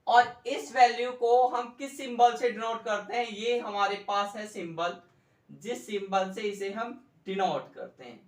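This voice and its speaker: A man explains math at a board, slowly and patiently. He repeats each point and asks his students questions as he goes. He sounds some distance from the mic, in an echoey classroom. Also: high voice. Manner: slow, repetitive, quizzes students with questions. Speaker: economics tutor. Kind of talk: whiteboard math lesson. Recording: echoey room, mic far off.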